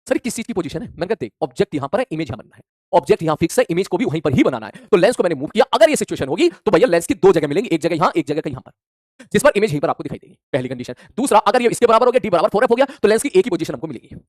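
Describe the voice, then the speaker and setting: A male physics teacher speaking fast. His voice swings up and down a lot. It sounds dry and close, no room echo, and he acts out student replies as he explains. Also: high voice. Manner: animated, plays out imagined student replies. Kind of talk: classroom lecture.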